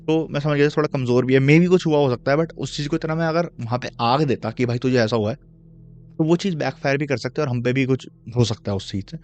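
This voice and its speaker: A young man narrates a spooky personal story, casual and chatty, dropping English slang and asides to the listener. His voice sits at a middling pitch, and the recording sounds dull and lo-fi. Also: fast, hardly any pauses, darkish tone, soft background music. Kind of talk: casual spoken horror story.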